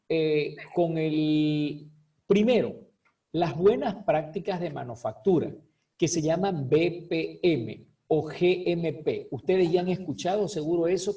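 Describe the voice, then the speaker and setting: A teacher giving a recorded class on food safety, speaking slowly and deliberately in a soft, mellow tone. The teacher asks rhetorical questions, checks in with "ok?" and repeats key words to stress them. The voice sounds somewhat distant from the microphone. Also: mid-range voice. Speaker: food quality control teacher.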